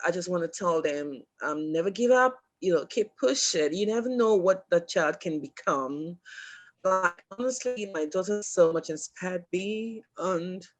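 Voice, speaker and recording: Woman, earnest and emotional, repeats herself, interview guest, video call audio. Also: fairly low pitch. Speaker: foundation founder, guest. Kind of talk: casual interview.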